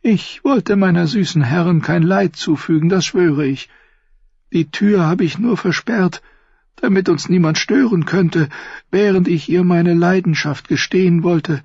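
A man putting on a broken, husky blind singer. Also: high-pitched, a little slow, darkish tone, dry recording, muffled recording, voice pushed up, full character voice. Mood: pleading. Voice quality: broken, near-whispered voice. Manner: pleading, tremulous. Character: blind heartbroken male singer, pleading. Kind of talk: audiobook character voice.

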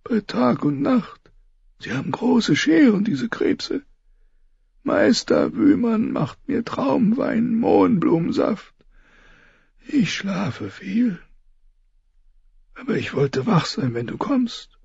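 A man voicing a frail, dying old lord who speaks in a thin, trembling whisper with halting, wandering sentences, in an audiobook reading. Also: sits high, big pitch swings, creaky, darkish tone, husky, no room sound, lo-fi sound, voice pushed up, heavily acted. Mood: feeble.

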